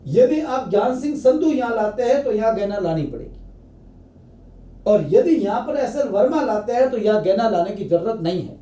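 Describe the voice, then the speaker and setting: A man's voice: sits high, expressive, normal speed, warm tone. A male political science teacher, giving exam preparation advice to students in a direct, repetitive way. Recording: echoey room, far from mic.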